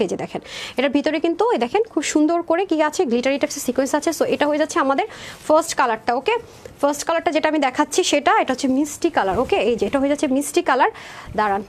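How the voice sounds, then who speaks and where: A woman presenting dresses in a live sales stream, chatty and rapid, calling viewers sister. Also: sits high. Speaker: online clothing seller.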